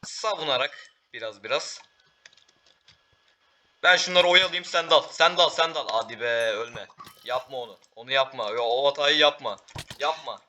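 Excitable teen gamer, bright voice. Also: male voice, mid-range voice, moderate pace. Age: teens. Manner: excitable, talks to teammates and viewers, frequent exclamations. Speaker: gaming YouTuber. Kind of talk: live gameplay commentary.

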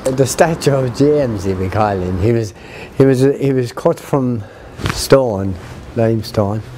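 A man in his seventies with an Irish accent, reminiscing in a halting, conversational interview outdoors. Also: medium pitch, background noise. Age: 70s. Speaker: local interviewee recalling town history. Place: outdoors, sheltered spot by a garden.

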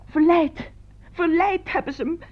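An actress playing a guilt-ridden middle-aged mother in an old radio play, speaking haltingly and stammering through her words. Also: very high-pitched. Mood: pleading. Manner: faltering, stammering. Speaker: doctor's wife. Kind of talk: 1950s-style radio drama acting. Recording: dull old radio recording.

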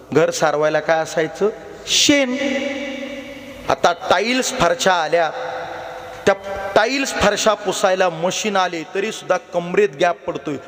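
Man, kirtan preacher, emphatic storytelling sermon, high voice, long reverb from a hall. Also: a bit bright. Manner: emphatic, repeatedly calls the audience to listen.

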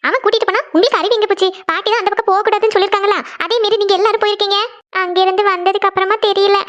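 Squeaky cartoon girls and their scolding big sister, all voiced by one woman, bicker fast and whine. The voice is extremely high, and the sound is dull and lo-fi. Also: a bit bright. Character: scared young girls and a scolding older sister.

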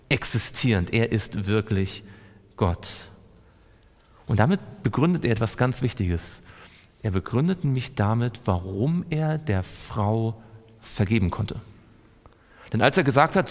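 A man teaching a Bible study to a group, asking them questions and answering himself. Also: mid-range voice. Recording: long reverb in a hall.

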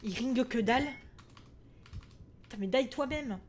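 A woman's voice: fairly high pitch, normal speed, darkish tone, a little hiss or hum. A woman streaming a horror game, panicking, swearing and shrieking at it between thanks to viewers.

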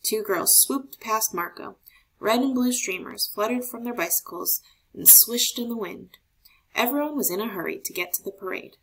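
A storybook reader, this woman narrates a children's picture book aloud with expressive storytelling. Her fairly high, husky voice moves at a moderate pace on a rough recording.

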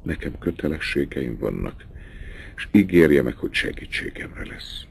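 A male audiobook reader voicing a young, pious countess who is torn between duty and love, with breathy whispers. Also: extremely low pitch, big pitch swings, full character voice. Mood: torn, pleading. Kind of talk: audiobook dialogue.

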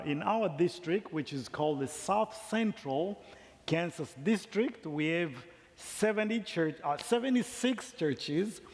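Slow-spoken Zambian-born preacher in a church. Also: male voice, fairly high pitch. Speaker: district superintendent preaching. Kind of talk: sermon. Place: large church sanctuary. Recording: long reverb of a large church hall.

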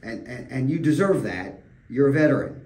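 Older man, earnest storyteller, mellow tone, distant mic, echoey room. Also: mid-range voice, lively intonation, normal speed. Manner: earnest, storytelling, emphatic repetitions. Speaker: realtor guest. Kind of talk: conversational radio interview. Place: radio studio. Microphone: desk microphone. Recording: roomy studio, distant mic.

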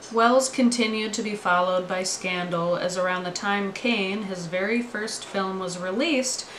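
A young woman presenting scripted history with wry asides, her tired voice breaking into vocal fry from a sore throat. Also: mid-range voice, a little slow, fairly bright tone. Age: young adult. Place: small curtained room indoors. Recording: roomy echo, noticeable background noise.

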